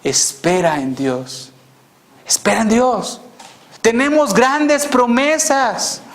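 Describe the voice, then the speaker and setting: Male pastor, sermon; high pitch, slow and deliberate, earnest with rhetorical questions and soft hushed stresses. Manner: drops to a soft hush on key phrases.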